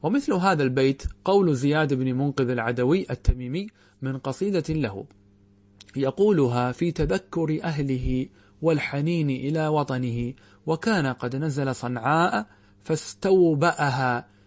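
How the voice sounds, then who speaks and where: A man teaching a grammar lesson, reciting quoted verses slowly and drawn out, and questioning his students rhetorically. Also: fairly high pitch, darkish tone. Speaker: Islamic scholar teaching grammar.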